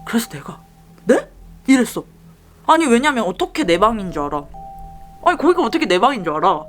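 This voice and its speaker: 여성이 연기하는 생동감 있는 썰 푸는 젊은 여자. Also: female voice, fairly high pitch, quick pace, faint music behind. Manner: lively, mimics the people in her story. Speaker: storyteller. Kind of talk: casual storytelling while doing makeup.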